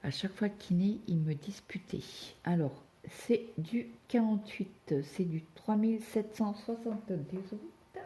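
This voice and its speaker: A woman's voice: medium pitch, a little slow, mellow. A woman chatting casually at home while she stitches, telling rambling stories full of asides. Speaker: cross-stitch vlogger.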